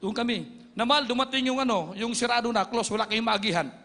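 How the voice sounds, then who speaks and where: A man from the Philippines giving a dramatic church testimony, telling his story with sound effects and shouts of praise. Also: extremely high pitch, fast. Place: church hall. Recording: reverberant hall.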